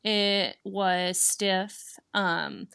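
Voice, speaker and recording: Young woman, podcast co-host, relaxed casual talk, bright tone, dry close sound. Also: mid-range voice, very slow, vocal fry, smooth, dry recording. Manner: relaxed, agreeable, frequent laughs and backchannels. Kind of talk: casual chat recap.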